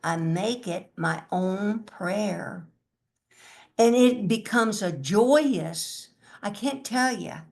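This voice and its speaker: A woman's voice: mid-range voice, creaky. A woman, older, giving a spiritual talk in a musing way, chanting mantras now and then. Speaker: spiritual teacher.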